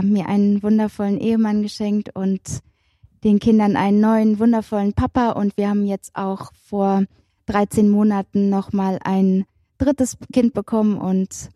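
A woman in her thirties introducing herself on a panel, calm and earnest. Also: medium pitch, unhurried, dry recording, clean studio sound. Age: 30s. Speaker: panel guest. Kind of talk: personal testimony in a panel talk.

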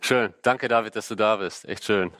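A male host with a lowish voice introduces a panel, adding short encouraging interjections. The sound is close and dry, with little room. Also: normal speed, a bit bright, no echo. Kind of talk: hosting a panel talk.

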